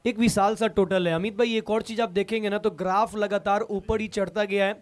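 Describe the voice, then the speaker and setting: A man's voice: high voice, fairly even intonation, a little fast. A man commentating on live cricket, discussing the match with a partner and addressing viewers. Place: commentary box at a cricket ground.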